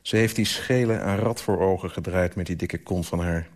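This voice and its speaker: A man's voice: low-pitched, normal speed. A man reading a story aloud, voicing a bitter, grumbling middle-aged uncle who mutters scornful remarks at a family dinner.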